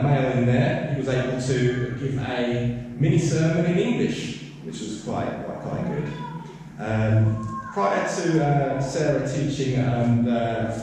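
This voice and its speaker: A man's voice: medium pitch, a little mellow. Hesitant man reporting in an echoey hall. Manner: hesitant, many fillers and restarts. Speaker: missionary giving a report. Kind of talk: informal spoken report to a gathering. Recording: echoey hall, mic far off, faint noise.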